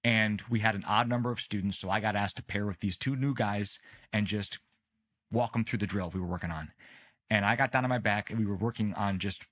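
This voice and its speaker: A man nearing forty talks as a podcast guest, his voice sitting a little low. He tells his stories in a relaxed, easygoing way, often pausing and restarting his sentences. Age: late 30s. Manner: relaxed, unhurried storyteller with many restarts. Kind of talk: casual storytelling interview.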